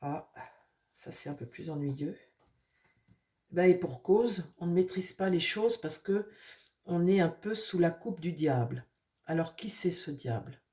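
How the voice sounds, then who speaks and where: A woman with a cold who talks through her nose, rambling casually with many fillers while reading tarot for her viewers and speaking softly to her cards. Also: lowish voice, unhurried, pauses often. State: nasal from a cold. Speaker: tarot reader.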